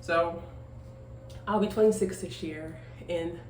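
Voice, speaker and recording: Here the twenty-five-year-old single mother speaks slowly, her pitch fairly low and her tone darkish. She's a vlogger rambling casually while grooming at home, full of fillers and emphatic asides. Off-mic audio, an echoey room and faint noise mark the recording.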